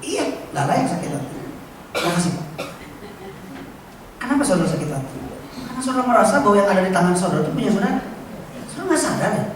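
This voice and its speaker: A man's voice: high voice, sing-song, fast talker, long pauses. Playful male pastor in an echoey church. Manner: playful, teasing, asks the congregation questions. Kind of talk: sermon with a live illustration. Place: large church hall. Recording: very echoey church hall from far off, faint noise.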